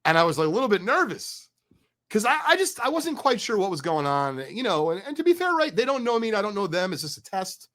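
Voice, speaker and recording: A middle-aged man telling a story in an excited, chatty, candid way as a guest. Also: high voice, quick pace. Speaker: card collecting business guest. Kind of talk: animated storytelling.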